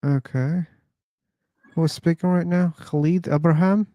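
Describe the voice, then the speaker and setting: Slow, mellow-voiced livestream host man. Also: fairly high pitch, fairly even intonation, dry recording. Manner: slow, musing, thinking aloud. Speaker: host of an online discussion livestream. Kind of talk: casual livestream chat.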